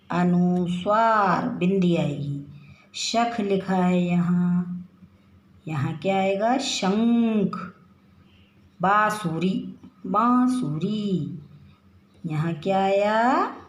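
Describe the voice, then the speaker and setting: A woman teacher giving a children's lesson, drawing words out slowly in a sing-song drill. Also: mid-range voice. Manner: slow, drawn-out, sing-song word drilling. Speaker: primary school teacher. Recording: very echoey room with faint noise.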